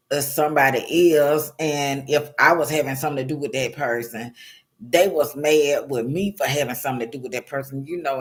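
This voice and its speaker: A man talking casually to his viewers, telling personal stories in loose slang and laughing often. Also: mid-range voice. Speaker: vlogger. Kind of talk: casual storytelling monologue to viewers.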